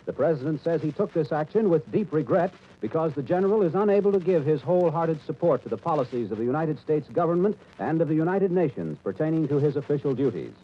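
An old radio news bulletin, read by a man who rushes through it with urgency. His husky voice sits fairly high and jumps around a lot. The broadcast sound is dull and muffled. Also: very animated. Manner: urgent, rapid announcing. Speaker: radio announcer.

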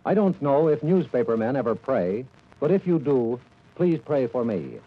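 A man narrating an old newsreel documentary in a measured, formal reading voice. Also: medium pitch, very animated, husky. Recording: dull lo-fi archival audio with faint hiss.

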